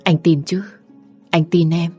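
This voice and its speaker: Gentle young male lover, read by a woman, soft, deep-toned, storybook. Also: flat delivery, slow pace, slightly rough, faint music behind. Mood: tender. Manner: soft, low, gentle delivery. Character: young man, calm, tender lover.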